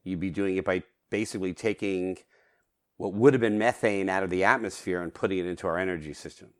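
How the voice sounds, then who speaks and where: A man's voice: low-pitched, fairly even intonation, fast talker. A man hosting an interview podcast, closing with a scripted summary and a plain sign-off. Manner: laughs often, ends with a playful spoken rap. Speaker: podcast host.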